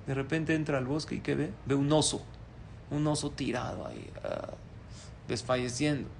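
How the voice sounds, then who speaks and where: A rabbi teaching a class and telling a parable in an animated storytelling manner. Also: male voice, medium pitch, normal speed, gravelly, slight background noise. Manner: animated storyteller, lively voice changes.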